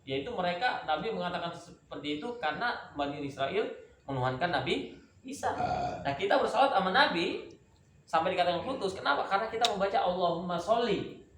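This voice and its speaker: A man's voice: high-pitched, expressive, fairly quick, a bit bright. A man teaching a religious study group, drilling pronunciation and asking if listeners understand. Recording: echoey room, faint background noise.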